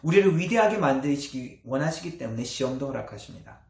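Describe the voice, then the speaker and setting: A man preaching a sermon as pastor, with earnest emphasis and soft trailing endings. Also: mid-range voice, lively intonation, fast, gravelly. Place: church sanctuary. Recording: echoey church hall.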